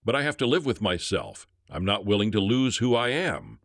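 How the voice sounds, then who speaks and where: A man voicing a young man who calmly and earnestly turns down a deal, speaking in a steady voice. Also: fairly low pitch, normal speed, no room sound, clean studio sound, full character voice. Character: grown son, calm and resolved.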